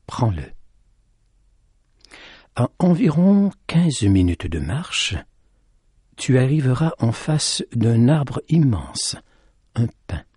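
A wise, gentle woman of the mountain who gives calm advice, voiced by a man reading the story. The speech is slow and husky, sinking now and then toward a hush, in a dry, close recording. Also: medium pitch, dry recording, full character voice. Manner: soft, slow, often hushed.

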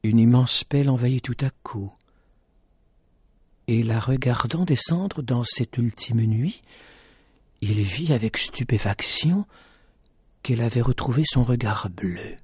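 A man hosting a radio program, reading a story aloud in a measured, dramatic way. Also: mid-range voice, a little mellow, husky, no room sound. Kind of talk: scripted story narration.

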